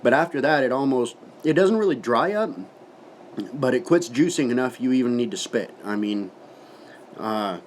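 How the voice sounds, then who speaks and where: A man talks casually to the camera in a folksy, colloquial way, his lip full of dip. His voice sits at a middle pitch, and there is clear background noise in the recording. It is an informal review, loose and plain-spoken. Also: expressive, moderate pace. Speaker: tobacco product reviewer. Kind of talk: casual product review vlog, talking to camera.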